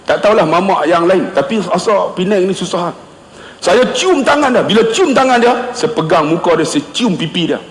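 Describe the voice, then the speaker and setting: A middle-aged male preacher speaks loudly to an audience and acts out the people in his anecdotes. His voice sits high for a man and swings widely in pitch. The sound rings with the long, roomy echo of a large hall. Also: normal speed, a little hiss or hum. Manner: loud, animated storytelling with voiced quotes. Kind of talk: humorous religious lecture. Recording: echoey hall, long reverb.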